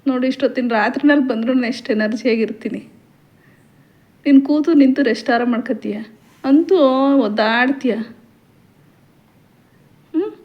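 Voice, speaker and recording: A mother in her forties with a Kannada accent teases and bosses her daughter in a high, bright voice. She laughs easily and keeps the talk casual in a home kitchen at night. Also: moderate pace, long pauses, lo-fi sound. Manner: teasing, bossy, laughing. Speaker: vlogger, mother. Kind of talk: casual family chat.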